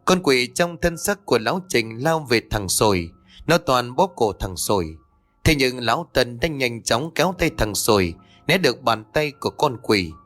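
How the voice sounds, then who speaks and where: A man's voice: mid-range voice, sing-song, normal speed, a bit bright, soft background music. Man narrating a horror story.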